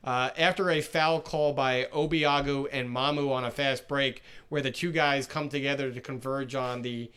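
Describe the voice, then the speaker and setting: A man's voice: medium pitch, fairly even intonation, moderate pace, few pauses, a bit bright, clear, resonant tone. A man co-hosting a sports podcast, casually retelling a broadcaster's jokes and breaking down the calls. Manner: chatty, retells announcer jokes with laughs. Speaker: podcast co-host.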